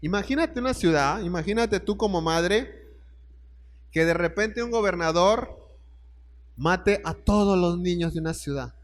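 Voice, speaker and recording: A man's voice: high-pitched, animated, a little slow, in a large hall. A man preaching a sermon, telling the story and putting questions straight to his listeners.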